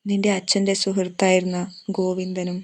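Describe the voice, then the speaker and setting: A woman's voice: fairly low pitch, completely flat delivery, normal speed, a little mellow. A woman voicing a grieving old grandmother who confesses a long-kept secret in a trembling voice. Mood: shaken, tearful.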